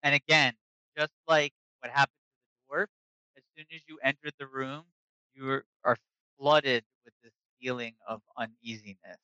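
A man acting as game master, narrating a tabletop game in an unhurried way, with fillers. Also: medium pitch, fairly even intonation, sharp tone, smooth, no room sound. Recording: dull lo-fi recording.

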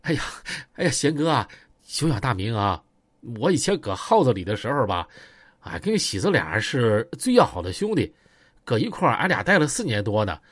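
A man's voice: medium pitch, sing-song, moderate pace, dry recording, studio quality, voice pushed down. A man voicing a cautious, polite ex-con who talks in a pleading, deferential way, with a Northeastern Chinese accent.

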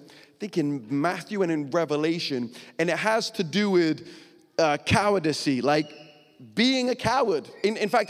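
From a church stage, a male pastor preaches a sermon into a microphone in a high voice. He explains things conversationally, punctuated by dramatic pauses. The recording carries a long hall reverb.

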